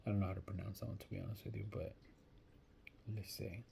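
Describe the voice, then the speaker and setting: A man's voice: fairly low pitch, level tone, quick pace, creaky, noisy background. A man giving casual soccer betting predictions, thinking aloud and hesitant, often restarting his sentences. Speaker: sports betting vlogger.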